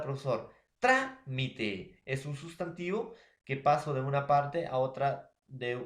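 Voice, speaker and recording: A male teacher walks his students through a grammar lesson, speaking at a middling pitch. He works step by step and keeps checking in with his listeners. The room around him sounds echoey. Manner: explains step by step, calls the listeners "profesor" and "jóvenes". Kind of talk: classroom lesson.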